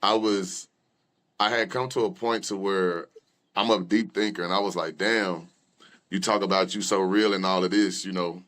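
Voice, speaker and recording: Deep-voiced young man telling his story. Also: fairly bright tone. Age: young adult. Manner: loose, conversational, many fillers and restarts. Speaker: guest rapper and artist. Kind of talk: candid personal storytelling.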